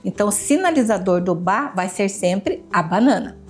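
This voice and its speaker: Woman educator explaining step by step, repeats examples, soft music underneath. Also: mid-range voice, lively intonation, normal speed. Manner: patient, teacherly, repeats examples. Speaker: educator guest. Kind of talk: explanatory interview talk.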